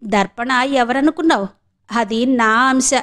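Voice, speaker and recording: Taunt and gloat as a woman playing a scheming, spiteful aunt, pitched a little high. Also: takes it slowly, a bit bright.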